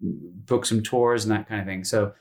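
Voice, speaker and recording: A man in his thirties from North Carolina, a musician telling his story in a casual interview, relaxed and rambling with frequent fillers and restarts. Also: on the low side, normal speed. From North Carolina, USA. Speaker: musician guest.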